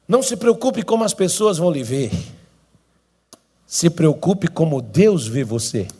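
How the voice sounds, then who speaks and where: High-voiced Brazilian pastor preaching. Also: male voice, sing-song, slightly rough. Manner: preaching with sweeping swings between loud, drawn-out cries and low asides. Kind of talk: sermon. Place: church.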